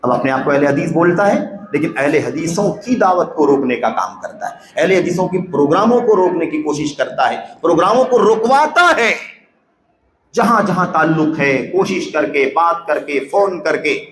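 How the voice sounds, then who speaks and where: A man preaching a sermon in a mosque, emphatic, with rhetorical questions and loud exclamations. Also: on the high side, lively intonation. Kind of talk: Urdu sermon lecture. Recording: echoey hall with faint ambience.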